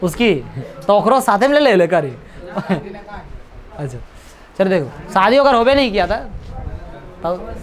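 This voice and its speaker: A male teacher with a high voice and wide pitch swings explains an English story in a classroom lesson. He talks casually in a mix of Hindi and English, reading the English lines slowly and haltingly. He's chatty, cracking jokes and scolding the class.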